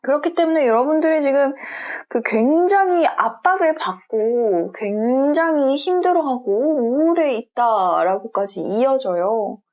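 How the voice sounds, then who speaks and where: Gentle, reassuring woman tarot reader. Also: fairly high pitch. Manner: gentle, reassuring, addresses viewers directly. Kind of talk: general tarot reading for viewers.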